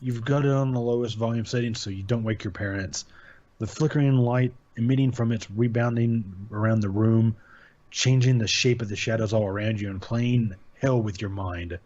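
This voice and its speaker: A man hosts his channel, casually reading a short creepypasta aloud and breaking off to point out its grammar mistakes. His voice is fairly low and somewhat dark, moving at a normal speed. The recording has a dull, lo-fi sound.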